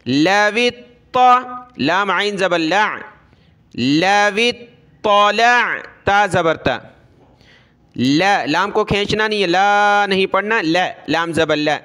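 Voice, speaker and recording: A man teaching Quran recitation letter by letter, spelling out letters and vowel marks, explaining pronunciation rules, and chanting the verses slowly. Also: high-pitched, pushed and bright.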